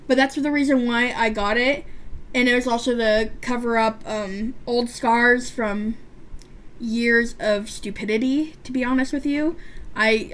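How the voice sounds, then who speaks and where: In a fairly high, slightly bright voice, a roughly twenty-year-old woman chats about nothing in particular as she does her makeup on her beauty vlog. Her speech is rambling, marked by a stutter, a lisp, and frequent restarts and fillers.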